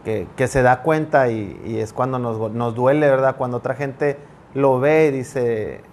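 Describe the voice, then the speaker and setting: A man in a reflective podcast chat, speaking earnestly and pausing to restart his thoughts. His voice sits at a middle pitch, with faint noise in the background. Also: darkish tone. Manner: earnest, halting with frequent restarts. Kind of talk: reflective conversation.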